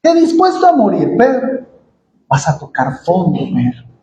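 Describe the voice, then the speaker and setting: A man, a preacher, voicing a solemn man gravely warning an overconfident friend, in a slow, lowered voice. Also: wildly swooping pitch, dark tone, dull audio, a little hiss or hum, heavily acted. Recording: echoey church room.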